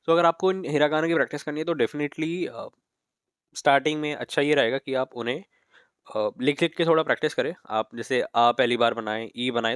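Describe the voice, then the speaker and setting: A man's voice: mid-range voice, no room sound. Man teaching patiently, dry close sound. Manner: patient, repeats "ठीक है" and "okay" often. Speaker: Japanese teacher. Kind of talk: classroom lesson in Hindi mixed with English.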